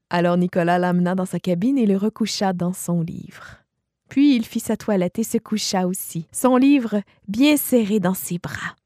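Gentle female storyteller for a bedtime read-aloud, dry and close. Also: medium pitch, no echo. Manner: gentle, slow, expressive pauses.

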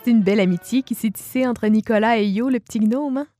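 A woman reading a bedtime story aloud to a child, gentle and expressive with slow pauses. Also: fairly high pitch, no echo, clean studio sound, soft background music.

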